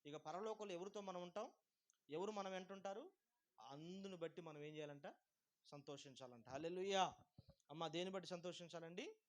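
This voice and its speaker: A man preaching as a pastor, building shouted repetitions and calling the congregation to praise. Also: high voice, normal speed, pauses often. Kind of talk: sermon.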